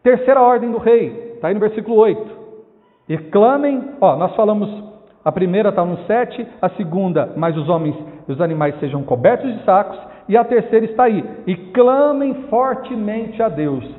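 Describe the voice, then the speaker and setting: Man preaching, high-pitched, emphatic, rhetorical questions, tinny phone-like sound. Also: lively intonation, moderate pace. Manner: emphatic, repeats key phrases, asks rhetorical questions. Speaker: pastor. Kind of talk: expository sermon. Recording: tinny phone-like sound with long hall reverb.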